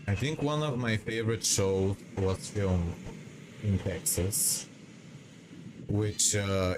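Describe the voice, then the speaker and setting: Slow, hesitant man. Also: fairly low pitch, noisy background. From Bulgaria. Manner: hesitant and rambling, reading chat aloud. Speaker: live streamer. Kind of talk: casual live-stream chat while gaming.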